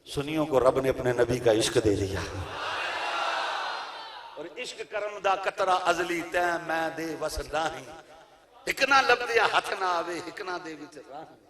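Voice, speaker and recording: A man preaching a sermon with a Pakistani Urdu accent, reciting verses and building to loud repeated refrains. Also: on the high side. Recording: roomy echo from a distance.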